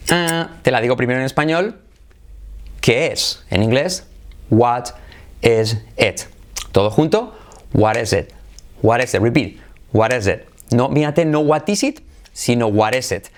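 A man from Spain teaching English in a video lesson, energetic and drilling phrases over and over. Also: mid-range voice, measured pace, pauses often. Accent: Spain Spanish.

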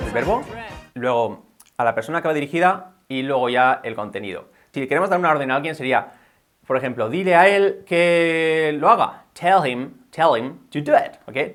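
Guy from teaching english on video, upbeat, keeps saying ok, mid pitched normal voice. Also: fairly bright tone. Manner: upbeat, switches between English and Spanish, keeps checking with "ok?". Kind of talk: bilingual video lesson.

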